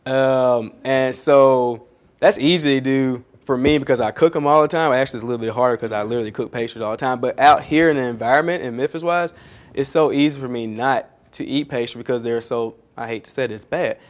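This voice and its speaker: A man speaking as the featured guest at a small startup event. He rambles cheerfully through his answers, with plenty of ums and jokes at his own expense, at a middling pitch. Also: brisk. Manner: chatty, rambling, self-deprecating, many fillers. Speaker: pastry chef and founder, featured speaker. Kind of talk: casual onstage Q&A answers. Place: coworking space event.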